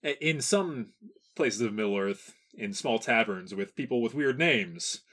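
A laid-back male podcast co-host with a bright, tense edge to his voice. He chats casually, laughs often and fills pauses with hesitant ums and uhs. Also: mid-range voice, lively intonation. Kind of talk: casual comedic chat.

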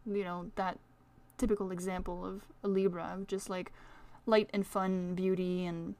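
A woman's voice: fairly low pitch, level tone, normal speed, darkish tone. A woman with a French accent hosting a casual solo podcast, talking in a rambling, chatty way full of fillers. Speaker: astrology podcast host.

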